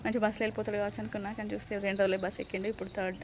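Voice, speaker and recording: A young mother with a Telangana Telugu accent, softly narrating her son's school run to the camera for her vlog. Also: medium pitch, little pitch movement, racing, background noise. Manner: soft running commentary to camera.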